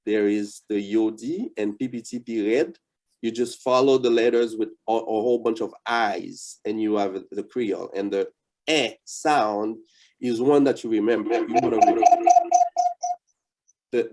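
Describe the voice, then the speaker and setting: A man's voice: on the low side, darkish tone. A middle-aged man from Haiti with a Haitian accent, teaching a beginner Creole lesson over a video call and patiently repeating key points as he explains. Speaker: Creole language teacher and author. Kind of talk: online beginner language lesson.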